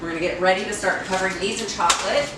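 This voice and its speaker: A woman with a mid-range voice talks very fast while co-hosting a candy-making tutorial in her home kitchen. She chats casually as she works, filling her speech with fillers and laughing often, recorded far from the mic in an echoey, noisy kitchen.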